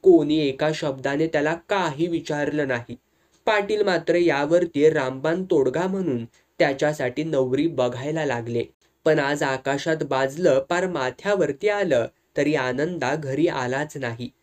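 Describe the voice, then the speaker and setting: Male storyteller, slightly high voice, lively dramatic narration. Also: measured pace.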